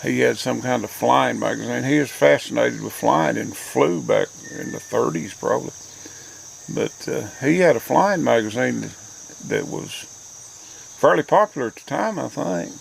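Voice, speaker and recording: Here a grandfatherly host with an Appalachian accent, from the mountains of the southern US, wanders through a reflective porch-side monologue in homespun mountain dialect. He speaks at normal speed in a creaky, medium-pitched voice. The low-quality recording was made outdoors on a rural porch, with insects and nature audible.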